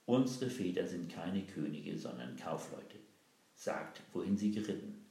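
A man voicing a clever, bold young girl who takes charge and talks her way out of trouble. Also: low voice. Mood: scheming. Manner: quick-witted, commanding. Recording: roomy echo.

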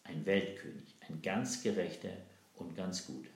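A grieving, secretive mother from a storybook, played by a man. She speaks in hushed, urgent tones over a deep, gravelly voice. The room adds an echo. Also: animated, moderate pace. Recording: roomy echo.

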